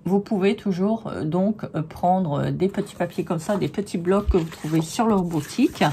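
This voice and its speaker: Woman vlogger, hoarse, low-pitched and chatty, reviewing craft supplies with faint background noise. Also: moderate pace, dark tone. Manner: chatty and gushing, many hesitations. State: hoarse, losing her voice. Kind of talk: casual product review vlog.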